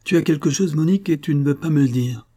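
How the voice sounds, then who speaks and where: A man voicing a kind young invalid lady who speaks softly and coaxingly. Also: mid-range voice, normal speed, close to an everyday voice. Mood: gentle. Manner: soft, coaxing.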